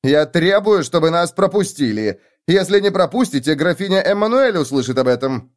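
A male reader gives a haughty young nobleman his voice in this audiobook, nasal and imperious. The lines ride high and swing with lively pitch, full of lofty disdain. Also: moderate pace, lightly acted. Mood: indignant. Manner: nasal, arrogant, commanding. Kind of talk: audiobook character voice.

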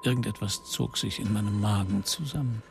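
A man narrating a radio drama in a reflective, measured way. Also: lowish voice, steady tone, vocal fry, noisy background. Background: music.

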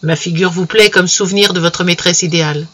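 A man reading the part of a heartbroken young German girl, gentle and softly reproachful, in a storybook reading. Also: sits high, fairly even intonation, a little fast, slightly rough. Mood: hurt, pleading. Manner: soft pleading reproach.

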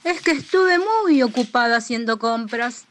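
A woman's voice: a little high, animated, a little slow, slight background noise. An Argentine woman playing a proud, easily offended lady neighbour in a radio comedy.

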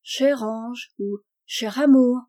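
A petulant little girl from an old storybook, sulky and whining, as a woman reader puts her on. Her voice rises high and pleading, with a mellow, soft tone. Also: slow. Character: spoiled sulky young girl Gisèle.

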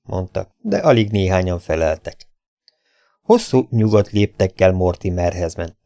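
A man narrating an audiobook in a steady, plain storytelling manner. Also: sits low, no echo, studio quality. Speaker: audiobook reader.

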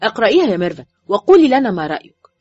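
A woman reading an audiobook voices a man, a teasing and mocking friend who needles loudly and sounds incredulous. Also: mid-range voice, big pitch swings, rapid-fire, breathy edge, dry recording. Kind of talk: audiobook character voice. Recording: dull, dry recording with faint music.

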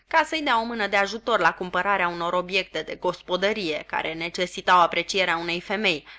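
A woman reading a classic novel aloud as an audiobook, in measured, even storytelling. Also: on the low side. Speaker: audiobook reader. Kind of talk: literary audiobook narration.

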